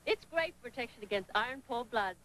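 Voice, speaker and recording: A woman's voice: fairly high pitch, animated, brisk, a bit bright, slight background noise, rough recording. A woman playing an earnest, busy young mother sharing health advice in a TV commercial. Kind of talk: TV commercial acting.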